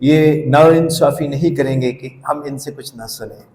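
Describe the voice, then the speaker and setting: A man's voice: a little high, a little slow, darkish tone. A man telling humorous anecdotes, now and then breaking into song. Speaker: teacher hosting a session. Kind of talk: storytelling and anecdotes.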